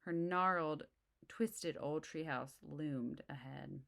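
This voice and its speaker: A woman with a low voice reads a picture book to young children. Her narration is expressive and simple, broken by short explaining asides to the listeners. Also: slow, vocal fry. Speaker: storybook reader.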